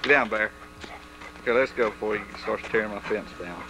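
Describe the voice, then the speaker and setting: A man on the low side talks fairly quickly over a noisy background while filming home movies. His casual chatter explains things step by step, picked up by an old camcorder's built-in microphone.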